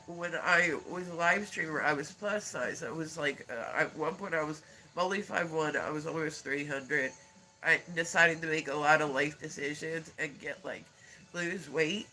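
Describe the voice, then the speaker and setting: Laughing often and rambling through plenty of fillers, a congested, nasal-sounding male live streamer makes casual chat. His high voice comes out pushed and bright, and the recording is rough.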